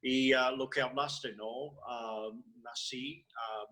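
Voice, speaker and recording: Man from the United States, missionary pastor, slow hesitant answers, bright tense tone. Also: medium pitch, steady tone, poor audio. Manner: slow, hesitant, drawn-out fillers, self-deprecating humor. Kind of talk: interview answers.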